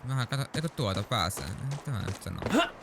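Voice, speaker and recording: Fast-talking Finnish man, noisy recording. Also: medium pitch, lively intonation. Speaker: let's play host. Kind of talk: casual gameplay commentary. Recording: noisy, clicks and game sound behind.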